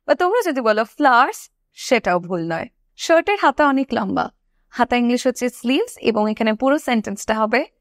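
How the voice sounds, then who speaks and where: A woman with a Bengali accent teaching English, slowly repeating each example sentence with careful pronunciation. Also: high-pitched, no room sound, studio quality. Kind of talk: language lesson.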